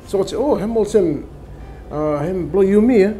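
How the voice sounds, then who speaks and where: A man's voice: sits high, lively intonation, moderate pace, warm tone, soft background music. A middle-aged man with a Solomon Islands accent explaining in an interview in Solomon Islands Pidgin. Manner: speaks in Solomon Islands Pijin. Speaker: conservation organisation director. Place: indoor room in front of patterned curtain.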